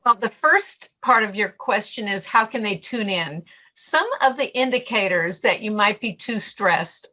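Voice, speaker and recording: A woman's voice: mid-range voice, sharp tone. A middle-aged woman, a guest on a podcast interview, who talks about stress and acts out her own inner voice as she tells stories. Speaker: guest author and stress coach.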